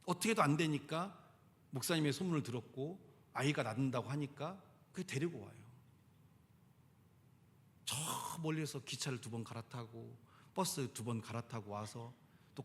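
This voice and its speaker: A male pastor giving a conversational sermon and leading the congregation to repeat phrases after him. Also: mid-range voice. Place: church sanctuary. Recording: long church hall reverb.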